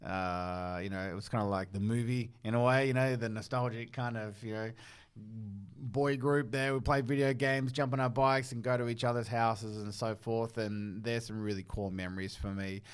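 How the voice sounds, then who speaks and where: Smooth-voiced man, casual chat. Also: on the low side, fairly even intonation, moderate pace. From Tasmania, Australia. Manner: warm-hearted, rambling with fillers and restarts. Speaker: podcast co-host. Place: public library.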